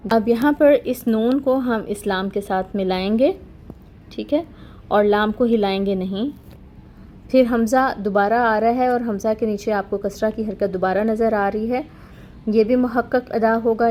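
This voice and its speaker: A woman with a fairly high voice teaches an online tajweed lesson, slowly and deliberately. She draws out the recited words as she explains each rule. A faint hiss sits under the recording. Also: darkish tone.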